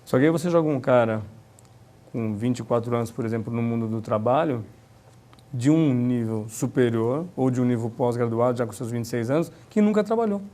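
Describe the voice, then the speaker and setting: Man, mellow tone, animated talker, chatty guest. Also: medium pitch, a little fast. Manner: animated, acts out dialogue, many tag questions. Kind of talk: casual conversation.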